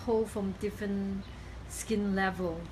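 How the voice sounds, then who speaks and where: Giving a cupping treatment, an acupuncturist talks casually through what she's doing, teaching as she goes yet often stopping to search for words. Her voice is medium-pitched and steady, and noticeable room noise sits behind it.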